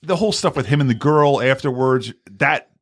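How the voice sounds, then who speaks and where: A man's voice: medium pitch, fairly quick. A man co-hosting a podcast, chatting casually about a movie and often stumbling over repeated words. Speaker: podcast co-host.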